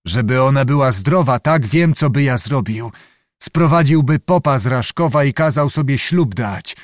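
A man's voice: mid-range voice, animated, moderate pace, no room sound, studio quality, lightly acted. A man voicing a proud, restless young Cossack chieftain with grim, restrained speech in an audiobook. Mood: brooding. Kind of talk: audiobook reading.

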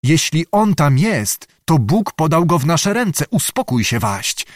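A resolute young officer who speaks firmly and steadily, as a male narrator reads him. His voice sits fairly high and sounds dry and close. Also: big pitch swings, a little slow, no echo.

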